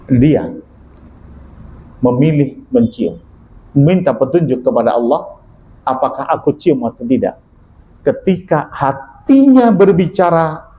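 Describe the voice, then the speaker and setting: A male preacher telling a story in a sermon, animated, asking his listeners questions and repeating key lines. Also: a little high, poor audio. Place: mosque.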